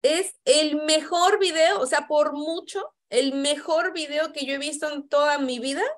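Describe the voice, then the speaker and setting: A woman's voice: high voice, steady tone, measured pace. A middle-aged woman, hosting and chatting casually about family life, with many fillers and restarts. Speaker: host. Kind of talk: casual personal testimony talk.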